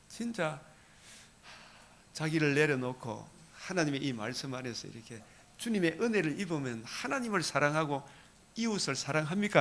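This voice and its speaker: A man's voice: a little high, fairly bright tone, a little hiss or hum. An older man with a Gyeongsang accent preaching an early-morning sermon, asking the congregation rhetorical questions. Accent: Gyeongsang Korean. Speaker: pastor.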